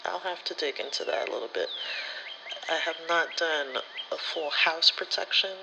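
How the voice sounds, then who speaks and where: In a casual ASMR vlog, a man who makes spirituality content rambles through candid personal stories full of slang and swearing. His fairly high voice is expressive with vocal fry, he talks at a normal speed, and noise runs in the background.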